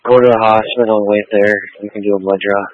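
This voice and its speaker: A man comes through a two-way radio, the sound thin and tinny with no room around it. He speaks low and evenly, giving short orders in terse radio code as an emergency responder. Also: level tone, quick pace, dry recording. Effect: over a two-way radio. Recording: tinny, dry radio transmission.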